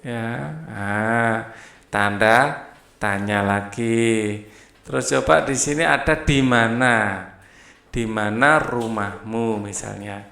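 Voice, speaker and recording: Slow gravelly male teacher. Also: lowish voice, fairly even intonation, pushed and bright. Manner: slow and explanatory, often adding "ya". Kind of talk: explaining a school textbook lesson. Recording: echoey room.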